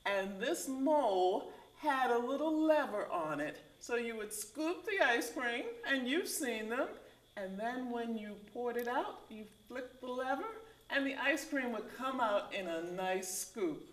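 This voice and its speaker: A woman hosting a community talk show, explaining in a measured storytelling way. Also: fairly high pitch, expressive, roomy sound. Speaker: host.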